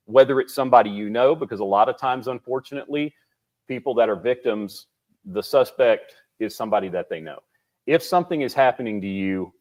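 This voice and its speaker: A man of middling pitch gives safety advice on a local talk show. He talks earnestly and says the main points twice to drive them home. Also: darkish tone. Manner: earnest, repeats key points for emphasis. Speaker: guest giving safety advice. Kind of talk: casual talk show interview. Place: studio.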